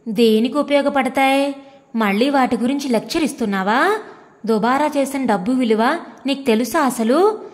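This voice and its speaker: A woman's voice: high-pitched, moderate pace, in a large hall, natural voice. A woman reading the part of a mocking husband who scolds his wife with sneering contempt. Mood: scornful. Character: scornful, mocking husband, a grown government clerk.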